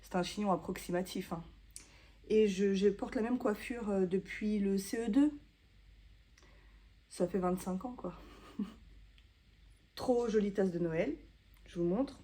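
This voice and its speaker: French woman in her thirties, chatty self-mocking vlogger, soft mellow tone, casual talk to camera. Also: medium pitch, measured pace, pauses often. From France. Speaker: booktuber. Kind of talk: casual vlog chat to camera.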